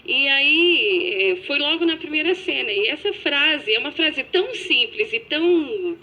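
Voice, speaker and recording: A woman actress telling anecdotes about forgetting her lines on stage, speaking in an animated storytelling way. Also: high-pitched, a little slow. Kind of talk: interview guest chat. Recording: dull radio audio.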